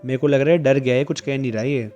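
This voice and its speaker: A man voicing a cocky male high school gang leader who taunts loudly, in a comic-book recap. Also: quick pace, faint music behind, natural voice. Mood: taunting. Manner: taunting, loud and mocking.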